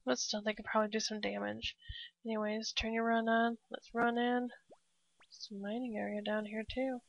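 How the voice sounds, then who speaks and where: A woman casually narrating a game walkthrough step by step, relaxed and prone to laughing. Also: fairly high pitch, normal speed, vocal fry, slight background noise. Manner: relaxed, laughs often, cheers at a blast. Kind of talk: casual gameplay commentary. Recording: dry, slightly dull lo-fi.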